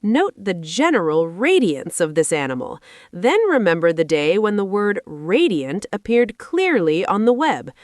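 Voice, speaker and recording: Woman putting on a pompous, booming fair announcer. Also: very animated, measured pace, no echo, clean studio sound. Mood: grandiose. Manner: pompous, declamatory. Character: booming, pompous fairground loudspeaker announcer, grandiose showman. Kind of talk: storybook character reading.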